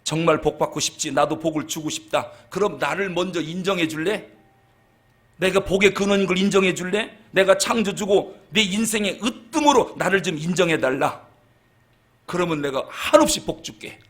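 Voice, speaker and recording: A male pastor voicing God within a sermon, speaking softly and gently, coaxing his listeners. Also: high voice, moderate pace, pitched below the performer's own voice. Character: God, a tender, pleading divine father.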